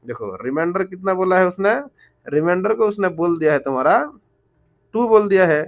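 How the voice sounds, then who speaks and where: A man teaching math, going step by step, slow and repetitive, always asking the class rhetorical questions. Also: high-pitched, expressive. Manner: switches between Hindi and English terms. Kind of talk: explaining math problems step by step.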